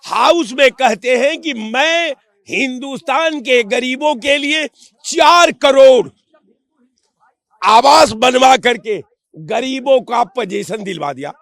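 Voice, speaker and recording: Passerby for a street vox pop: a man with a very high, gravelly voice who argues hotly, pushes rhetorical questions and bursts into shouts. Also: animated, slow, dry recording. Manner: heated, rhetorical, raises voice in bursts. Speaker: member of the public.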